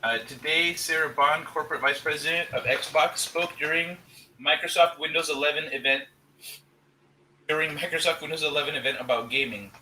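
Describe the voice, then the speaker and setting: A man co-hosting a casual tech show who reads the news aloud haltingly and repeats phrases, his voice tinny as if inside a metal can. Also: on the high side, sharp tone, a little hiss or hum. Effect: tinny tin-can sound from mic placement. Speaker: co-host.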